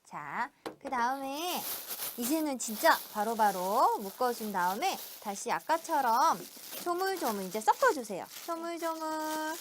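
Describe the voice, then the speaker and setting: A woman's voice: on the high side, big pitch swings, unhurried, noisy background. A woman teaching a young child to cook, talking in simple, encouraging, sing-song phrases with playful repeated sound words. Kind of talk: hands-on cooking lesson with a young child.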